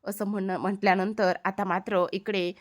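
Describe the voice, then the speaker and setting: A woman's voice: mid-range voice, flat delivery, normal speed. A woman narrating a TV episode recap in a plain storytelling manner. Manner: storytelling with plain narration between acted lines. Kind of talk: retelling a TV episode.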